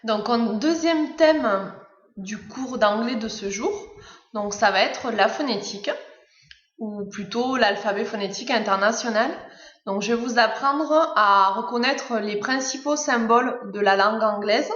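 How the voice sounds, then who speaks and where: A woman's voice: on the high side, unhurried, fairly bright tone, reverberant. French lady teaching english, lots of euh and donc, kinda muffled lo-fi recording. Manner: explains step by step, many hesitations and fillers. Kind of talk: language lesson narration.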